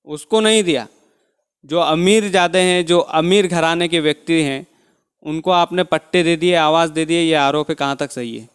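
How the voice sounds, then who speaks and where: A man runs a local interview, putting pointed charges to his guest with a teasing edge. His voice sits somewhat high for a man and sounds clear and smooth.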